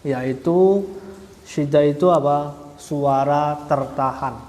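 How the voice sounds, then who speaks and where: Male teacher, fairly high voice, slow patient delivery, sounding out arabic letters, echoey hall. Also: dark tone. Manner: slow, patient, repeats each point with drawn-out "ya". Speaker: Quran recitation teacher. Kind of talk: religious lesson. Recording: echoey hall, roomy reverb.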